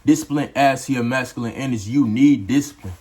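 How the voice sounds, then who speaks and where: A man's voice: medium pitch, fast talker, a little mellow, breathy edge. Casual young man giving life advice. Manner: casual, preachy, addresses viewers as bro and dog. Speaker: vlogger. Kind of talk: motivational talk to camera.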